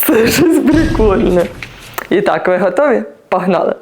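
A middle-aged woman gives excited commentary as she plays a virtual reality conductor game, talking to viewers between exclamations. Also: medium pitch, normal speed, noisy background. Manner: animated, exclamatory, talks to viewers while playing. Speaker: mother playing a VR conductor game. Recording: orchestral game music loud behind her.

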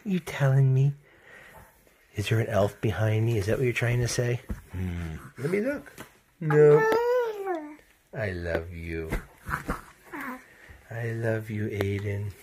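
A man's voice: lowish voice, expressive, slow pace, long pauses, background noise. A father speaking baby talk to his infant son, doting and sing-song, repeating words over and over.

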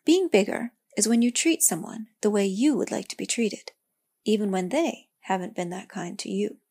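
Woman voicing a gentle old elm tree. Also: mid-range voice, normal speed, breathy edge. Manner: calm, gentle, reassuring.

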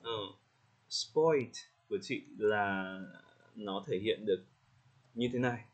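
A man coaching English pronunciation in casual spoken feedback, friendly, slowing down to demonstrate words and laughing lightly. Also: fairly low pitch. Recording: slightly dull lo-fi audio.

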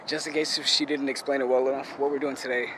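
A man's voice: mid-range voice, flat delivery, fast. A man hosting a vlog and coaching, chatting casually with laughs outdoors. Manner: laughing, giving coaching instructions. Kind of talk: casual chat. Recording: loud outdoor noise behind.

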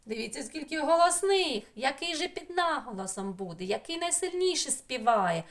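A woman teaching a remote lesson to preschool children, stretching out syllables and sounds and gently coaxing them with questions. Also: high-pitched, expressive, moderate pace.

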